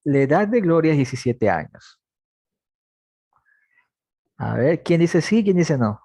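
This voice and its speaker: This studio-quality online class features a man in his twenties with a warm, fairly high voice, speaking slowly but very animatedly, with no room sound. Teaching math logic, he patiently questions his students, supplies the answers, restates points and talks to them plainly.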